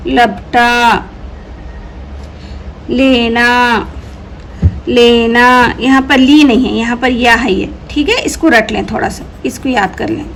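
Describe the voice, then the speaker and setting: Woman, teacher, slow word-by-word drilling, patient explaining, slightly high-pitched. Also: fairly even intonation, slight background noise, poor audio. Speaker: Urdu teacher. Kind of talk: reading-drill lesson.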